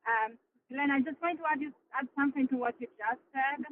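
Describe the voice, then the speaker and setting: A woman's voice: high-pitched, a little fast. Woman dialed in from her car on speakerphone, thin phone-line sound, faint road hum, lots of uhs. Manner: hesitant, frequent fillers. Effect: car speakerphone while driving. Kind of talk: remarks at a public agency meeting. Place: car, driving.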